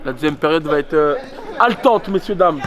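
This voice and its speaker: A male match commentator with a high voice delivers excited sports commentary. He fires off players' names in short bursts and exclaims over the play. A loud crowd surrounds him. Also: a little fast. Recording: loud crowd and bouncing ball behind. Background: crowd noise, ball bounces.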